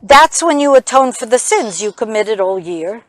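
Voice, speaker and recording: An actress playing a gentle, hesitant older woman in a stage play, stammering softly as she offers comfort. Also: on the high side, expressive, moderate pace, no room sound, close to an everyday voice, poor audio. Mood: earnest. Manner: hesitant, stammering, soft-spoken.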